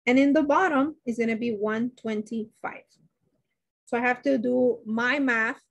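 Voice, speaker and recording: A woman nursing instructor, her voice fairly high, unhurried and creaky, walks through a dosage problem in a live online lecture. She restarts sentences repeatedly while thinking aloud and questions her class, on a webcam beside shared slides indoors.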